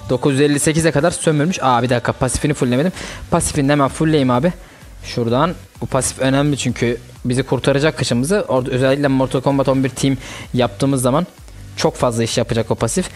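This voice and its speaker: A young man hosting a gaming channel, chatting casually and reacting excitedly to a mobile fighting game as he plays. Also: mid-range voice, quick pace, soft background music.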